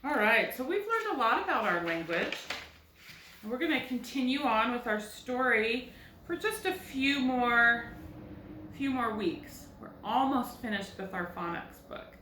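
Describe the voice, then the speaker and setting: An American woman teaches young children in a clear, bright voice, patiently explaining and posing questions she then answers herself. She sounds a little distant from the mic, in an echoey room. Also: on the high side, lively intonation, unhurried, slight background noise. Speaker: first grade teacher. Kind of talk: recorded phonics lesson for children.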